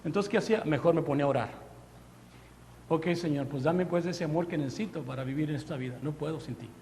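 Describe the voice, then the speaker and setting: A man's voice: on the high side, quick pace, darkish tone, a little hiss or hum. A man preaching a sermon in a church, telling stories, acting out quotes and asking rhetorical questions. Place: church hall. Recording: long hall reverb in a church.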